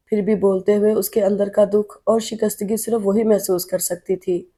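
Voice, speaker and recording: A woman narrating a novel in a steady, emotive audiobook reading. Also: medium pitch.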